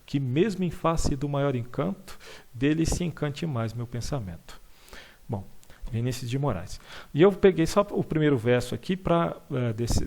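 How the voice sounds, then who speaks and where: A male teacher with a gravelly, creaky voice at a middle pitch. He explains a recorded lesson patiently, with lots of fillers and checks of "tá bom?". Now and then he slows down to read lines of verse aloud. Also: a little mellow.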